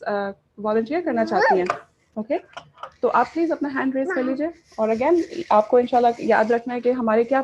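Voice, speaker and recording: Female teacher, fairly high voice, online class, muffled call audio. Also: a little hiss or hum. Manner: mixes in English, asks students questions. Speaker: Quran recitation teacher. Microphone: video call.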